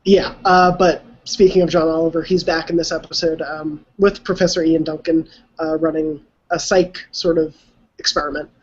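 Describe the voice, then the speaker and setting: A podcast co-host in casual chat who talks in a relaxed way, with many fillers, and retells scenes. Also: mid-range voice, moderate pace. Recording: dull lo-fi podcast audio.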